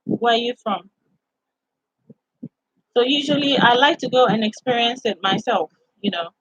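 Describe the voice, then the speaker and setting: Husky Ghanaian woman chatting on a live stream. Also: on the high side, moderate pace, no room sound, low-quality recording. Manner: chatty, warmly inviting, peppered with "like" and "you know". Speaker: host of a live chat. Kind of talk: casual live-stream chat answering viewers.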